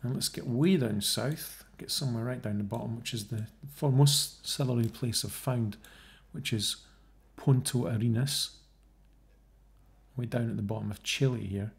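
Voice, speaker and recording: Gravelly man, scornful screen-share talk. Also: mid-range voice, moderate pace. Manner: scornful, mocking asides, thinking aloud. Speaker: video creator debunking a theory. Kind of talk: casual screen-share commentary.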